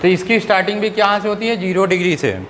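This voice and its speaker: Man, high voice, school teacher, asks and answers his own questions, echoing hall, faint hiss. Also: steady tone, fairly bright tone. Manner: asks questions and answers them himself, drops lower for each answer; reads English lines out slowly. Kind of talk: classroom lecture.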